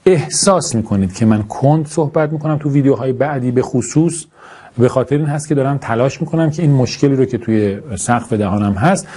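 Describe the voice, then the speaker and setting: A man introducing his online course in a slow, deliberate lecture. His voice is dark, mellow and a little husky. He does not articulate some sounds quite cleanly, and he keeps dropping informal, self-deprecating remarks. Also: mid-range voice. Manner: deliberately slow, careful speech.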